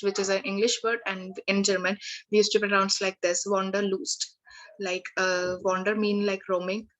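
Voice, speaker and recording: Young woman tutor for a live beginner class; halting, restarting speech, mid-range voice. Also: medium pitch, a bit bright, rough recording. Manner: halting, many restarts and fillers. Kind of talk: live online beginner language lesson.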